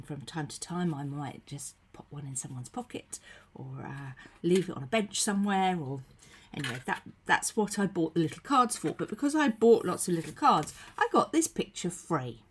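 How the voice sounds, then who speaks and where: Her voice low and hoarse from a cold, a faith leader gives a casual devotional to her computer webcam in her own room, with slight noise in the background. She sounds animated and keeps a normal pace, staying gentle and chatty with plenty of ums and quiet asides.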